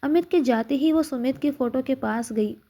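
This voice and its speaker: A woman narrating an emotional family story with a steady, expressive reading. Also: sits high, normal speed.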